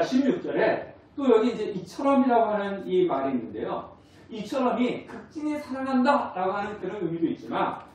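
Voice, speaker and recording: A male pastor with a very high-pitched yet darkish voice preaches a conversational sermon in a church sanctuary, quizzing the congregation and acting out family dialogues. The mic is distant and the hall very echoey.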